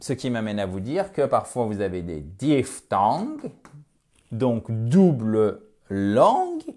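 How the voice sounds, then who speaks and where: A French-speaking man teaching English pronunciation with lively emphasis, stretching out his English demo phrases. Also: lowish voice, moderate pace.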